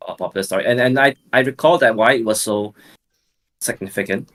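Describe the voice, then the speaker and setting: A man's voice: mid-range voice, brisk, fairly bright tone. A man from Singapore, calling in as a guest and talking thoughtfully in casual chat. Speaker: guest caller.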